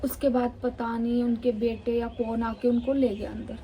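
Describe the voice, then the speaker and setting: A woman's voice: fairly high pitch, little pitch movement, moderate pace, muffled recording, slight background noise. Indignant woman vlogger from Chandigarh. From Chandigarh, India. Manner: indignant, emphatic retelling with many repetitions. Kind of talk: storytime vlog.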